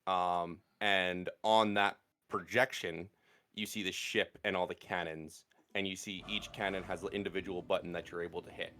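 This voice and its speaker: Low-voiced man narrating a fantasy game. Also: little pitch movement, moderate pace, sharp tone. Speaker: game master.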